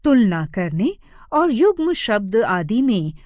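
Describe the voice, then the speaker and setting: A woman narrating an animated grammar lesson for children as a teacher, speaking expressively and stressing each example sentence. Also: mid-range voice, takes it slowly, dry recording, dull audio.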